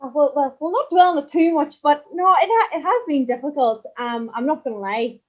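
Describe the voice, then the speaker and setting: A woman's voice: sits high, fairly quick, highs cut off. A young woman with a Donegal accent from Ireland, chatting casually as a podcast guest over a remote call. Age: young adult. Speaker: podcast guest, country singer. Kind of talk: casual chat.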